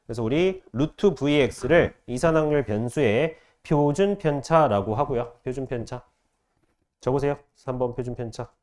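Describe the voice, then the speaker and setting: A man teaching math to a class, firing short questions at students and repeating key phrases slowly. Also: medium pitch, a little mellow. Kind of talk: classroom lecture.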